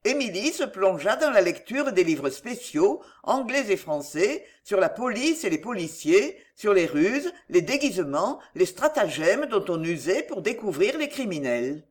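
A woman reading a classic novel aloud as narrator, measured and expressive. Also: medium pitch. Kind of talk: audiobook narration.

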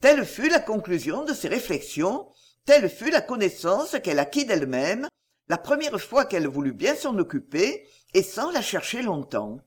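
A woman narrating a classic novel as an audiobook, her voice husky and breathy at mid pitch. Her reading is expressive and measured, with intonation that rises and falls in a lively way. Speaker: audiobook reader.

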